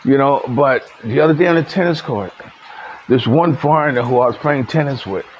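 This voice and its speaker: A man's voice: medium pitch, a little fast, slight background noise, rough recording. A man vlogging in a casual, rambling storytelling monologue, full of fillers and restarts and chuckling at his own stories. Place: living in the Philippines.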